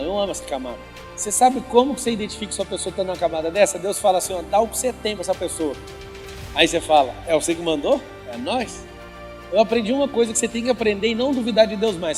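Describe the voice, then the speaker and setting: A man giving a live motivational talk with religious teaching at an event, teasing and quizzing the audience directly. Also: high-pitched. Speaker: motivational speaker. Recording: reverberant event hall with faint music.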